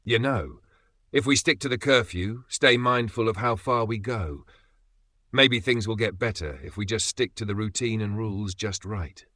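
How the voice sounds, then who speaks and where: A man's voice: sits low, big pitch swings, measured pace, fairly bright tone, breathy edge, no room sound, full character voice. A man voicing a nervous, remorseful teenage boy who speaks hesitantly. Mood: nervous hopeful. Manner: shaky, hesitant and apologetic.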